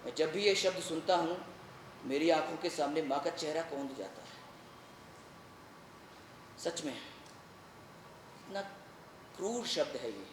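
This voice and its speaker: A man giving a dramatic solo storytelling performance, moving between hushed narration and shouting. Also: a little high, animated, fairly quick, recorded from a distance, slight background noise. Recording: echoey room with faint ambience.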